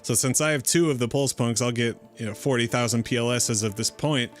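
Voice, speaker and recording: A man's voice: mid-range voice, fairly even intonation, fairly quick, soft background music. A man hosting a casual crypto livestream, talking in a fired-up, rambling way with frequent restarts. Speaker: livestream host.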